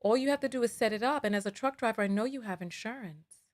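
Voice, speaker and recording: A woman's voice: a little high, fast talker. A woman hosting a live call-in advice show, earnest and probing, pressing a caller with pointed questions. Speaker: host.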